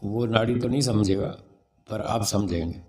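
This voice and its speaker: Low, mellow-voiced man teaching patiently. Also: normal speed. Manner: patient and explanatory, demonstrating syllables aloud. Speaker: swami and spiritual teacher. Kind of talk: religious discourse on raising children.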